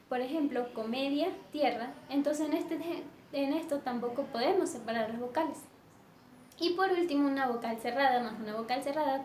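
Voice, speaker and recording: A woman teaching a lesson in a measured way, with fillers and self-corrections. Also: sits high, darkish tone. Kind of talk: explanatory lesson. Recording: echoey room with faint background noise.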